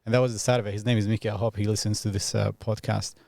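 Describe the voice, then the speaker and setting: A man in his thirties from Iraq, talking as a podcast guest in a thoughtful, reflective way, pausing often and laughing easily. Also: lowish voice, flat delivery, vocal fry, darkish tone, dry recording. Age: 30s. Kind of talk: casual reflective interview talk.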